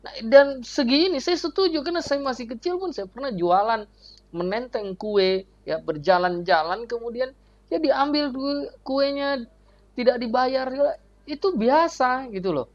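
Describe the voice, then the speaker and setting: A man's voice: very high-pitched, animated, normal speed. A man hosting his channel as an evangelist, commenting earnestly on a video and leaning on tag fillers. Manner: earnest, leans on tag fillers like ya and gitu loh. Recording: dull lo-fi sound.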